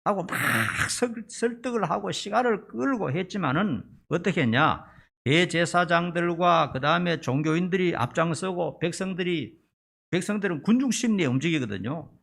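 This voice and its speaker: Brief: middle-aged pastor, lively storyteller, gravelly voice that swings up and down. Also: male voice, high-pitched, normal speed. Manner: dramatic storytelling, acting out scenes. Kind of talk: sermon.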